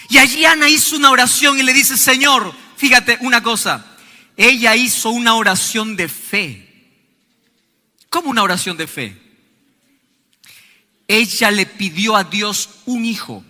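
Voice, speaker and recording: A male pastor preaching a sermon, his voice swinging high and low and sometimes rising to a shout. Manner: preaching with sweeping rises and falls, shouting at times. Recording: long hall reverb.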